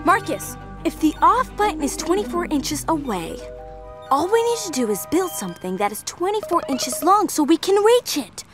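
A woman voicing a practical young girl hero in a cartoon, talking in a brisk, no-nonsense way. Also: high-pitched, big pitch swings. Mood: focused. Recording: music playing under the voice.

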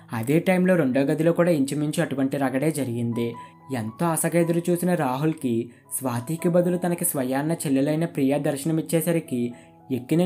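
Storyteller, scripted narration, dramatic, steady, middle pitch, faint guitar music behind.

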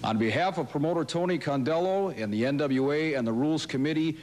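A man's voice: on the high side, quick pace, a little mellow. Stern male official in a wrestling promo. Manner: stern, scolding, formal. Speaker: broadcast crew and rules committee official. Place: small curtained interview set indoors. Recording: noisy old videotape with hum.

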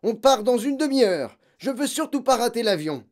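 A man's voice: very high-pitched, sing-song, normal speed, pitched above the performer's own voice. An audiobook narrator voicing an angry, bullying father who barks orders at his daughter. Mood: shouting angrily. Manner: shouting, barking orders. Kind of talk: audiobook character voice.

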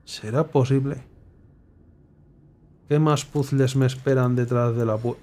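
Guy streaming a puzzle game, mutters clues to himself, middle pitch, yelps when he gets it. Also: a little slow. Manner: thinks aloud, muttering clues, sudden excited exclamations. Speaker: gameplay streamer. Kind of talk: casual puzzle game commentary.

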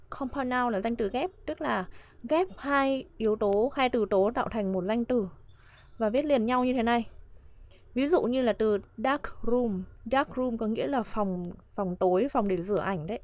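A woman gives a video lesson in a patient, repeating way, pausing to ask if students follow. Her voice sits a little high. It is recorded close and dry, with no room sound. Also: darkish tone, no room sound. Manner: patient, repetitive, checks understanding. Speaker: English teacher. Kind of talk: classroom-style video lesson.

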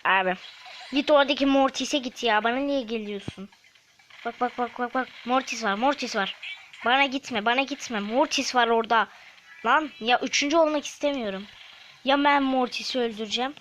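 A woman with a somewhat high voice talks through her game as she plays. She chats with viewers and snaps at opponents. A faint hiss of noise sits under the recording. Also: a bit bright, rough recording. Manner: chatty, quick to snap at opponents. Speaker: gaming channel host. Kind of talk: game commentary.

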